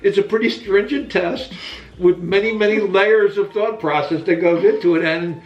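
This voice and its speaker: A man of sixty-eight, a father answering questions in a casual sit-down chat, earnest and halting with many restarts. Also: sits high. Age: 60s. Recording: echoey, distant, dull room sound.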